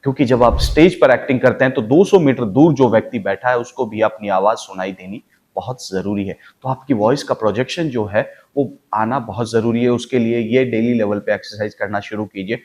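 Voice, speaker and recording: In a darkish, mid-range voice that moves a little fast, an Indian-accented man plays the role of an acting coach. His emphatic instructional talk shows viewers voice techniques, leaning on repeated, parallel phrasing.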